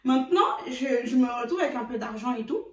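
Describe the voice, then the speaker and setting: A young adult woman telling a storytime vlog, animated and emphatic, speaking straight to her viewers. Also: high voice, brisk. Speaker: vlogger. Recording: roomy echo, mic at a distance.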